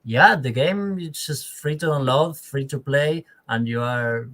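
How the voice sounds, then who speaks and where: A man's voice: medium pitch, a little slow, a bit bright. A man from Argentina co-hosting a podcast in casual chat, friendly as he reads out viewer comments. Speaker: podcast co-host.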